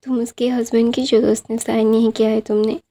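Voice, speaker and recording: Teasing young man, playful lover, slightly high and even, woman narrator voicing him. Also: fairly quick.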